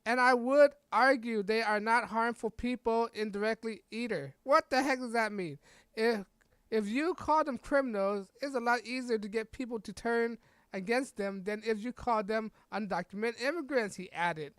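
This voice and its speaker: A woman hosting a podcast, reading an article aloud in halting, stumbling bursts and breaking off for heated, scornful asides. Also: on the high side, clean tone, no echo. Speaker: podcast host.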